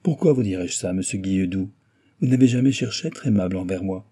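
A man voicing a scheming young woman who bargains coolly in a storybook reading, pitching his husky voice a little higher. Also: fast talker, mellow. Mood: bargaining. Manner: cool, bargaining.

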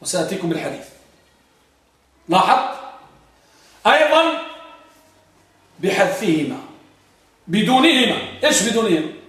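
A man with a high voice teaches a grammar lesson, pressing his students with repeated questions and stretching out example words. He is recorded from a distance in a strongly echoing classroom. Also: very animated, moderate pace, pauses often, a bit bright. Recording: very echoey room, mic far off.

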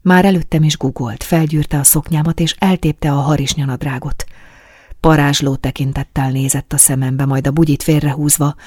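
A woman reading a first-person story aloud as an audiobook, in a calm, soft, intimate manner. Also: deep voice, no room sound, clean studio sound. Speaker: audiobook narrator. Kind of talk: first-person scripted narration of an erotic story.

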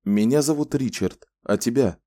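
A man's voice: medium pitch, moderate pace, mellow, voice pushed up, lightly acted. A man voicing a frank, good-natured grown man who teases a child kindly in an audiobook. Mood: friendly. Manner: frank, teasing.

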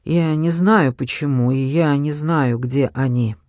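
A man's voice: fairly high pitch, unhurried, darkish tone, no room sound, studio quality, lightly acted. A man voicing an anguished worn-down woman. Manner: strained, pleading.

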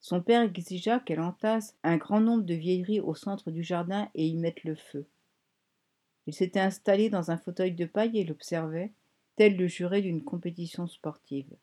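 A woman narrating a novel as an audiobook, in a measured, expressive reading. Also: fairly low pitch. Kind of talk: scripted narration.

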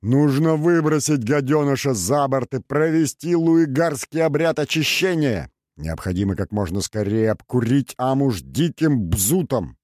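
A man voicing a huge, gruff, superstitious male ship's shaman in an audiobook, speaking in a menacing booming bass. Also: lively intonation, unhurried, a little mellow, no room sound, studio quality, lightly acted. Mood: outraged.

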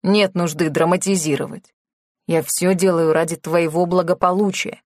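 A woman's voice: on the low side, steady tone, moderate pace, darkish tone, dry recording, studio quality, natural voice. A woman reading a novel aloud, voicing a strict middle-aged father lecturing his daughter. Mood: firm. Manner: firm, lecturing.

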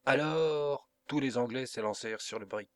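A man narrating a classic adventure novel as an audiobook reader, in an expressive, dramatic storytelling manner. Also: mid-range voice, moderate pace, no echo.

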